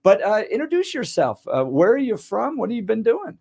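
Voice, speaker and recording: A man's voice: high voice, huge pitch swings, brisk, vocal fry, mellow, slightly rough. A man hosting a talk radio show, interviewing a studio guest in a friendly, joking manner.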